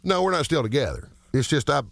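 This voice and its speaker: A man's voice: on the high side, very animated, fast talker, vocal fry, fairly bright tone, echoey room. A man from Georgia with a Southern accent, a comedian telling self-mocking hillbilly jokes and laughing through his punchlines. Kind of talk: stand-up comedy and radio interview.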